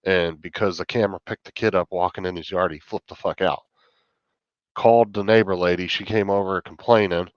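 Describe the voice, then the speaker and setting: A middle-aged man with a fairly low voice talks casually and bluntly, swearing freely as he rants. The sound is muffled and carries clear room echo. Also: fairly even intonation, brisk. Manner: blunt, heavily profane ranting. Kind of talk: casual chat.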